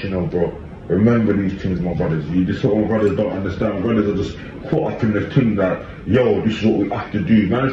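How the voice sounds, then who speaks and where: A man with a low voice and a London accent talks casually and emphatically in street slang, looping back on his points with tag questions. He is on a phone in a small, echoey room, with slightly dull sound and faint noise. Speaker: commentator. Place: small tiled room indoors. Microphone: phone at arm's length.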